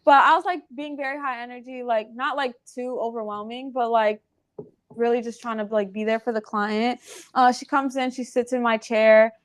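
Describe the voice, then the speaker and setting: A young woman in her twenties chats through a casual interview, her voice smooth and clear and sitting a touch high. She fills her sentences with little fillers and tells her story in an animated, running way, recorded in her own nail salon. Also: normal speed. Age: 20s. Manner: chatty, filler-heavy with many "like"s, animated retelling. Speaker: guest, nail salon owner.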